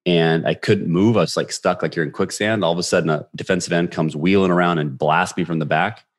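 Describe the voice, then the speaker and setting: A man in his forties, a podcast guest, telling a personal story with animated energy and acting out the voices of people in it. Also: low-pitched. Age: 40s. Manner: animated, quick storyteller who acts out quoted dialogue.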